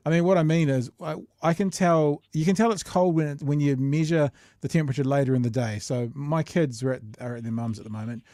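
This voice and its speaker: A man's voice: mid-range voice, warm tone, no echo, studio quality. A middle-aged man with a New Zealand accent hosting a casual podcast, chatting in a jokey, rambling, slangy way. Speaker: podcast host. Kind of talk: casual live chat show.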